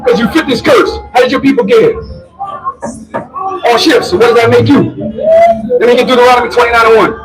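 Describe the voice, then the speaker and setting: High-voiced man preaching in the street. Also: fairly even intonation, fast talker, pauses often, distant mic, poor audio. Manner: emphatic, keeps asking listeners to answer back.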